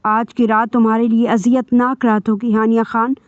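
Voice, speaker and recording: A woman's voice: a little high, flat delivery, dry recording, natural voice. Woman doing a cold, furious husband for an audio novel; harsh threats, dull dry sound. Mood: menacing. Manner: shouting, bitter threats.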